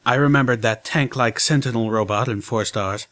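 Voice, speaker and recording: A man narrating a fan fiction audiobook in the first person, with steady storytelling. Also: medium pitch, moderate pace.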